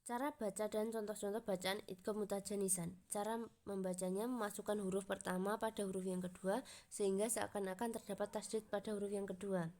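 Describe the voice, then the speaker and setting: A young woman from Indonesia, a university student, reads a class presentation in a steady, explanatory way and slows down to recite Arabic examples. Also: mid-range voice. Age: young adult.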